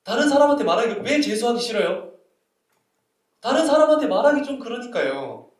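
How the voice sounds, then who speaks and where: Lively high-voiced male pastor with a sore throat. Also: a little fast. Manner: conversational preaching with questions to the congregation. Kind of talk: sermon to a young adults' service. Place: church sanctuary. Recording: echoey church hall, mic at a distance.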